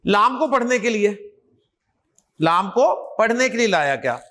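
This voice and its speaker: A man with an Urdu accent teaches a classroom lecture on grammar, calling out questions and coaxing answers from his students. His voice sits high for a man, and he speaks slowly and deliberately. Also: big pitch swings, a bit bright. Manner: quizzing, call-and-response, coaxing students.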